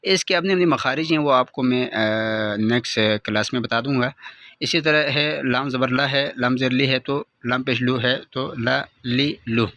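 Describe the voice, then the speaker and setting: A male teacher giving an online reading lesson, patiently explaining step by step and slowly sounding out each letter and vowel in drills. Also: medium pitch, bright, forceful tone, dry recording.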